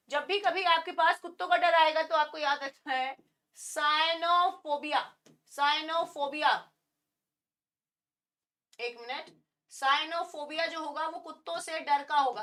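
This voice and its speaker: A woman teaching an online exam-prep class, teasing her students and peppering them with quick questions. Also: high-pitched, bright, forceful tone. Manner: playful and teasing, imitates animal sounds; asks the class many rhetorical questions.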